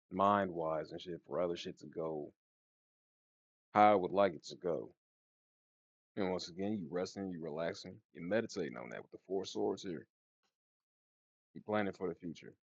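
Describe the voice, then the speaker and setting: Low voiced guy doing a laid-back tarot reading, slangy, bit of a lisp n slur from wearing a retainer, music behind him. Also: a little mellow, dull audio. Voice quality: slightly slurred, lisping speech from wearing a retainer. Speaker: tarot reader. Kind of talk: casual tarot card reading.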